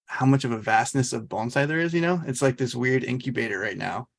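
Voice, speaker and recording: A man's voice: medium pitch, fairly quick, gravelly. A man from Oregon hosting a podcast, casual and laid-back, affirming his guest often. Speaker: podcast host. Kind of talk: casual chat.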